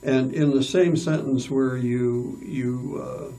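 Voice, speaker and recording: A man hosts a relaxed interview, with a mellow voice. He keeps backing his guest with short affirmations. He sounds a little far from the mic. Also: medium pitch, slow, vocal fry. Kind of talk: casual interview.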